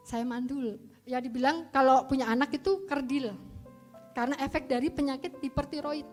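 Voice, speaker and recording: A woman's voice: high-pitched, darkish tone. A woman giving a personal testimony in church, telling her story earnestly and emotionally and voicing her prayers aloud. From Indonesia.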